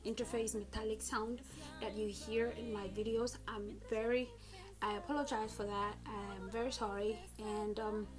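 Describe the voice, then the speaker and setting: With background music going, a young beauty vlogger talks her way through a makeup tutorial, recorded indoors in a small home room on a phone roughly an arm's length from her. She speaks at a moderate pace in a steady, mid-range voice.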